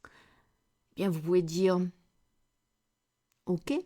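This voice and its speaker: A woman coach giving a slow, deliberate educational talk on handling conflict, with many rhetorical questions. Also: lowish voice, flat delivery, warm tone.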